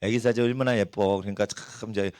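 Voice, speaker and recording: A man's voice: on the low side, fairly even intonation, brisk, a little mellow, clear, resonant tone, dry recording, studio quality. A middle-aged man preaching a sermon in a church, folksy and storytelling, acting out little voices of people and animals as he goes. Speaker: pastor.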